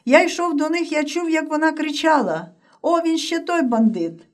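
Woman reader voicing a shrill, agitated young man, accusing, slightly distant. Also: moderate pace, lightly acted.

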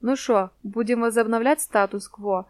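A woman's voice: a little high, fairly even intonation, moderate pace, no echo, close to an everyday voice. A woman voicing a swaggering teenage male street thug who taunts in crude slang, in a storybook reading. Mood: mocking.

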